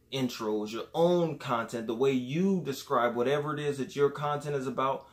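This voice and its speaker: Young male vlogger, casual, conversational, repeats key points for emphasis. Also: medium pitch. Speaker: sneaker YouTuber. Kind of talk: casual advice vlog.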